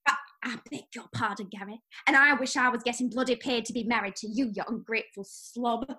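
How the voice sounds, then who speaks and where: A fed-up English wife in her mid-forties scolds her husband in a bright, sharp voice, as a woman acts her out in an improvised comedy sketch. Her tone is sarcastic and nagging, and her voice sits fairly high. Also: fairly quick, husky. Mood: indignant.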